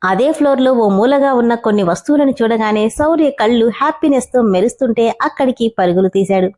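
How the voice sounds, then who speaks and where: Mellow-voiced woman narrating a story. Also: fairly high pitch, fast. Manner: expressive, switching between voices. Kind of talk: narrating a story and voicing its characters.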